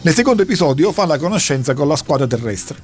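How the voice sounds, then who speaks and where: A man's voice: on the high side, very animated, quick pace, soft background music. A man recounting a long story in a casual chat, telling it with dramatic flair. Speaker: podcast host recounting an anime plot.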